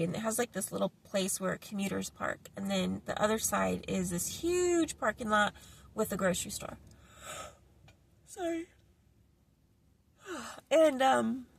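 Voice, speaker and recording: Gravelly-voiced woman rambling in a vlog. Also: on the high side. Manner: rambling, many fillers and restarts. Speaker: vlogger. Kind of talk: casual vlog monologue. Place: parked car.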